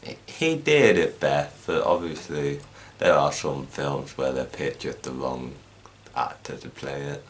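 Man, extremely deep voice, slow pace, halting, casual film chat. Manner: halting and hesitant, with restarts and fillers. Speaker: host.

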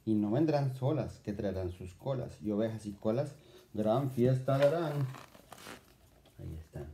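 A man's voice: on the low side, expressive, a little slow, dark tone. Playful man reading a children's poem. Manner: playful, exclaiming, talks to young listeners. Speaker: children's storyteller. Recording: roomy echo.

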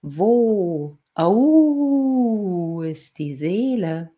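A woman voicing a trapped, wise old male wolf who wails in pain and then speaks slow and solemn. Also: mid-range voice, sing-song, warm tone, voice pushed up.

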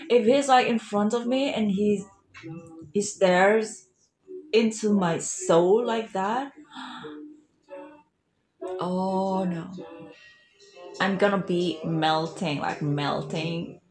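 A woman's voice: mid-range voice, very slow, long pauses. A woman hosting a fan reaction video, gushing with breathless, swooning exclamations. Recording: echoey room with music playing. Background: music.

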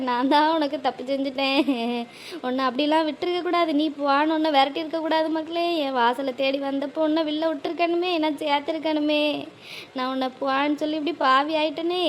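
A woman's voice: high-pitched, a little hiss or hum, lightly acted. A woman doing a sobbing remorseful mother. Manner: sobbing, consoling, repentant. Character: grieving remorseful middle-aged mother. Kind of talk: cartoon voice acting.

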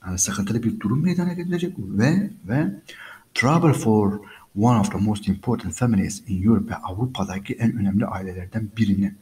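A man's voice: lowish voice, fairly quick, mellow, low-quality recording. A man teaching English by reading a story aloud and explaining each line patiently, repeating phrases and speaking to listeners as friends.

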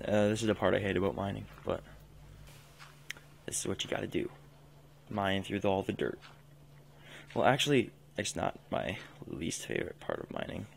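A young man who hosts a gaming channel offers relaxed, chatty commentary on his own play at home, cutting himself off now and then. He sounds low-pitched and expressive, with vocal fry, normal speed and frequent pauses. There's slight background noise plus faint music.

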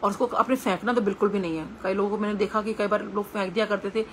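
A woman's voice: medium pitch, fairly even intonation, fast talker, a little hiss or hum. A middle-aged woman with an Indian Hindi accent, giving a devotional satsang talk full of personal stories, speaking earnestly with conversational hesitations.

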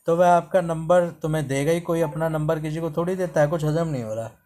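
Man, slightly higher register, vlog storyteller; reads messages aloud with a doubting, indignant edge. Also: brisk, dark tone. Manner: recounts a chat, reading messages aloud, skeptical and indignant. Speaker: YouTuber.

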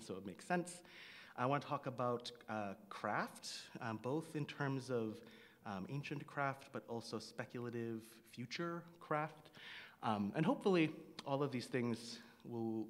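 Halting man lecturing from a podium. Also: medium pitch. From Singapore. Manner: hesitant, many ums and restarts. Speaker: visiting artist lecturer. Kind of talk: public lecture. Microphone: podium microphone. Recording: long hall reverb.

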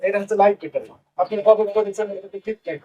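A man's voice: high voice, very fast, dark tone, slight background noise, rough recording. A Bangladeshi man working as a consumer rights officer, sternly questioning a bakery owner on the spot during an inspection. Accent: Bangladeshi Bengali. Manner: stern, probing, repeats questions. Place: bakery premises, indoors.

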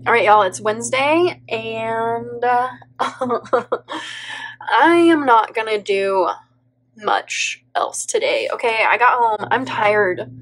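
A woman in her thirties, a planner vlogger and teacher, narrates a casual plan-with-me video while an overhead camera films her planner on a table at home. Her voice is a little high, slow and fairly bright, stuffy from allergies, and she thinks aloud with lots of "like" and small laughs. The audio quality is poor.

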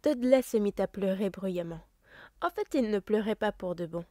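A woman reading a children's novel aloud with steady, expressive storytelling. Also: medium pitch, moderate pace, no echo, studio quality. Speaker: audiobook reader.

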